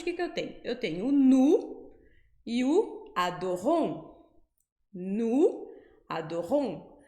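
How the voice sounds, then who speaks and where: Lively Brazilian woman teaching French. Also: sits high, reverberant. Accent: Brazilian Portuguese. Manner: slows down to spell out syllables. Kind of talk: pronunciation lesson.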